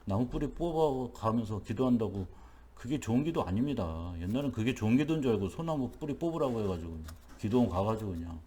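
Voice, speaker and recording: A man's voice: medium pitch, expressive, fast talker, dark tone. A man preaching a dawn worship sermon as pastor in a church, talking in an emphatic, repetitive, conversational way.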